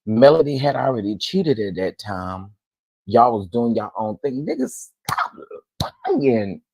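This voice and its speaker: Host reacting to a clip: a man with a gravelly, husky voice, loud and scolding, dry close sound. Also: mid-range voice, very animated, slow pace, no room sound, rough recording. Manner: loud, scolding, talks straight to viewers. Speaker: reaction commentator. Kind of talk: reaction commentary.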